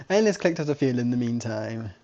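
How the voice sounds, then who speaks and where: Male game caster, chatty, rambling, restarts his sentences a lot, mid-pitched voice. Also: expressive, quick pace, warm tone, lo-fi sound. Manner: rambling, self-correcting, chatty. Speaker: esports caster. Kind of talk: live game commentary.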